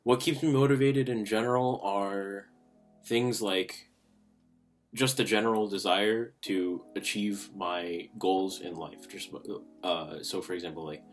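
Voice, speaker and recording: A man's voice: lowish voice, fairly even intonation, a little slow. A nineteen-year-old man in a documentary interview, hesitant and searching for words. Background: guitar music.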